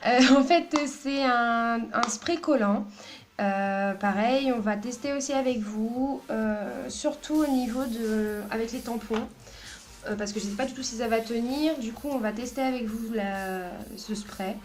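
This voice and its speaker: A woman's voice: on the high side, unhurried. A woman hosting a casual craft video, chatty and hesitant, with frequent fillers and giggles. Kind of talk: casual craft haul and tutorial chat.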